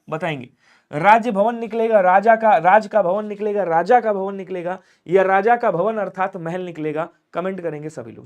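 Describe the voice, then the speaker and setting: A man teaches a live online lesson for exam candidates. He keeps urging viewers to comment quickly and asks questions that he then answers himself. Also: sits high. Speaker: Hindi teacher for police exam prep.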